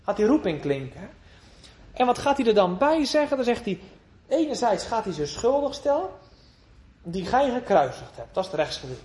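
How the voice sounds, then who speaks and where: A man preaching a sermon in earnest, rising to emphatic calls and dropping to hushed, tender phrases, with old biblical wording and rhetorical questions. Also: high-pitched, big pitch swings, normal speed.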